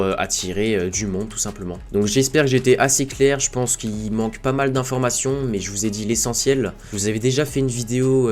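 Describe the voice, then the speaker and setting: A man's voice: lowish voice, slight background noise. A young man casually commenting while he plays a video game, rambling with lots of fillers and gamer slang as an esports team's content creator.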